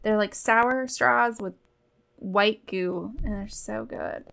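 A woman from Wisconsin co-hosting a casual podcast chat, talkative and quick to laugh. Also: medium pitch, creaky, a bit bright. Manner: chatty, laughs easily. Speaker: podcast co-host.

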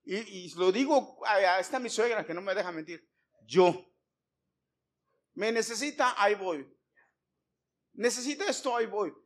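A middle-aged pastor preaches with a fairly high voice. He is emphatic, repeats key words and keeps asking the congregation questions. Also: lively intonation, moderate pace, long pauses. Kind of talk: sermon. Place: church before a congregation.

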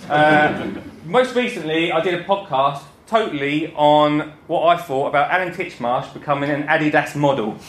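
A man's voice: a little high, moderate pace, hardly any pauses, a bit bright. Chatty Essex man speaking in an echoey room. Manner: chatty, joking, self-deprecating. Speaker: gardening podcaster and speaker. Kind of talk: informal stage talk to an audience. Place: indoor talk before an audience, roomy space. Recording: echoey room with some background noise.

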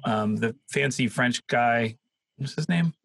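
Man, casual academic chat, husky voice, dry close sound, searches for words. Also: medium pitch, slow, dry recording, low-quality recording. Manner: searching for words, animated and laughing.

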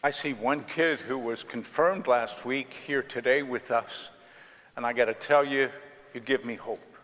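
Man, preacher, informal sermon, slow delivery, emphatic repetition, long reverberant hall. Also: mid-range voice, fairly bright tone. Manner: repeats phrases for emphasis. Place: large church.

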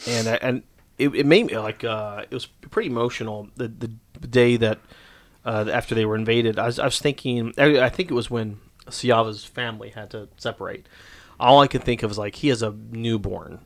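A man in casual church conversation, speaking in a halting, heartfelt way with many restarts, at a studio mic. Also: medium pitch. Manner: jokey, then emotional and halting. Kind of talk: casual church podcast chat.

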